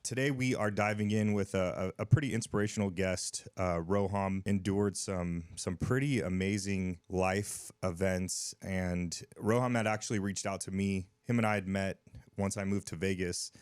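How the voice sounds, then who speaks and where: A man's voice: low-pitched, fairly even intonation, moderate pace, clear, resonant tone, no room sound, studio quality. A man hosting a casual podcast interview, talking in a laid-back, slangy way. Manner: laid-back, slangy, says dude and bro. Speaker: podcast host.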